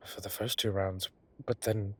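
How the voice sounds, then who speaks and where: A man with a lowish, slightly rough voice keeps a steady tone at a measured pace, playing an ancient, teasing godlike being with a romantic soft spot in a roleplay audio drama. Theatrical, drawling and indulgent, he comes across as gossipy and teasing.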